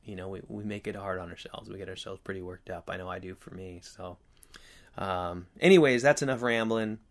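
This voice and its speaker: A man chatting casually to his viewers as host, earnest and reflective, with halting, rambling phrasing and a slight whistle on his s sounds. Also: low voice. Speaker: video host.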